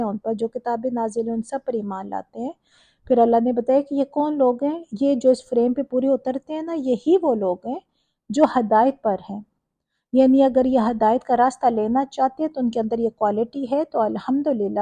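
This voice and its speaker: A woman's voice: a little high, warm tone, dry recording. A woman giving a Quran commentary lecture, explaining verse by verse with small stumbles. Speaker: religious lecturer.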